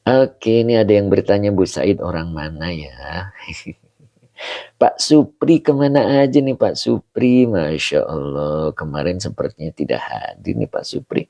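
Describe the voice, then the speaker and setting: A man's voice: low-pitched, expressive, unhurried, warm tone, muffled recording. A man teaching an online lesson on Quran exegesis and Arabic grammar, greeting viewers by name between points. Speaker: religious teacher.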